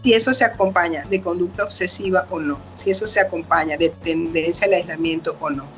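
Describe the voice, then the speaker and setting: A woman's voice: on the low side, fairly quick, soft background music. A middle-aged woman doctor, explaining patiently in an interview. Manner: patient, explanatory, acts out quoted parents and children. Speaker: doctor, guest expert. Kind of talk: explaining casual interview talk.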